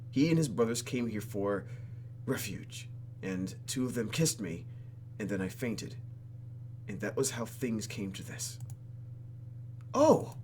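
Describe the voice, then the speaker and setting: This YouTube gamer's voice sits on the low side and sounds a little mellow, with slight background noise behind it. He reads visual novel text for a let's play, reacting with theatrical exaggeration.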